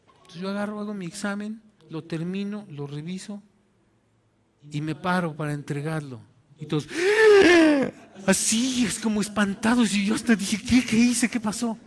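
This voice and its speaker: A man with a Mexican accent, a pastor preaching a sermon and telling a personal story in an animated way, acting out the voices in it. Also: sits high, moderate pace. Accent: Mexican Spanish.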